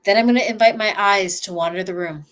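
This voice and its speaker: A woman guides a slow relaxation exercise, talking gently in the first person and stopping for breaths and sighs. Her voice sits in the mid range.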